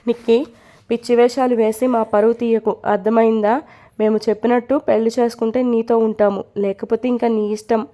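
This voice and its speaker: A woman doing a stern mother, scolding and commanding, higher-pitched, mellow tone, storybook reading. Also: little pitch movement, fairly quick, natural voice. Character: stern strict mother forcing a marriage.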